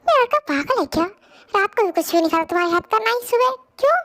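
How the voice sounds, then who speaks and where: A caring middle-aged mother-in-law who keeps fussing and worrying, played by a woman. The voice is very high, with a dry, close sound. It comes from a fan audio drama dub. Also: expressive, quick pace, a bit bright, no room sound, exaggerated voice. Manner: fussing and anxious.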